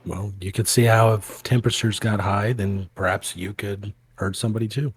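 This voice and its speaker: A man's voice: lowish voice, fairly even intonation, normal speed, slight background noise. A man playing in a tabletop game, talking in a matter-of-fact way. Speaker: player. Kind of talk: casual tabletop role-play.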